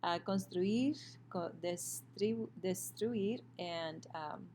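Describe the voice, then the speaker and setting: Warm in tone and slow in pace, a woman with a fairly low voice teaches a recorded Spanish grammar lesson via screen share. She explains patiently with fillers and self-corrections, and her computer mic adds a little hiss or hum.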